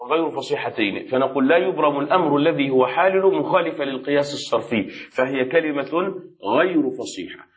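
A man's voice: medium pitch, fast. A man, a sheikh, teaching a classroom lesson on rhetoric, patiently repeating key words and checking that the student follows. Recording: dull lo-fi recording.

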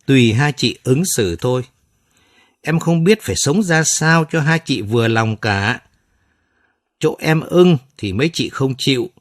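A man's voice: medium pitch, dry recording, clean studio sound, natural voice. Man voicing a pleading young pharmacist brother. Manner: defensive, pleading.

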